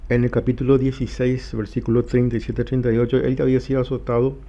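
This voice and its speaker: A man's voice: medium pitch, flat delivery, warm tone. Man teaching Bible study, lo-fi sound. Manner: reads scripture aloud slowly, then explains. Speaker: pastor.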